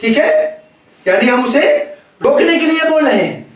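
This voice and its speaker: Male teacher, slow deliberate lecture, repeats phrases; recorded off-mic in a booming room. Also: wildly swooping pitch, distant mic. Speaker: Hindi grammar teacher. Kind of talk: classroom lecture. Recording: very echoey room, voice away from the mic.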